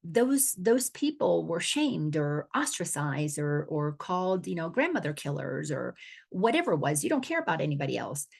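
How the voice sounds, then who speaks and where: A middle-aged woman from the Dominican Republic teaches as a spiritual coach in an earnest, unscripted way. Her voice sits low and carries a gravelly fry. She often repeats a word as she restarts a thought. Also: sing-song, normal speed. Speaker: awareness coach.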